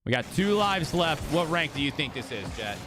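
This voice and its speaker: A livestreamer hosting a watch party talks casually to his viewers, all hyped bro slang and swearing. His slightly high voice is very animated and fairly quick, but strained from overuse, close to losing it. There's background noise in the recording.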